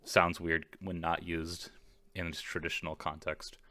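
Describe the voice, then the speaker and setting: A man's voice: sits low, flat delivery, measured pace, bright, forceful tone, no echo. A man co-hosting a podcast over a video call, chatting casually, joking and swearing freely. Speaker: podcast co-host. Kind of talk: casual chat. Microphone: video call microphone.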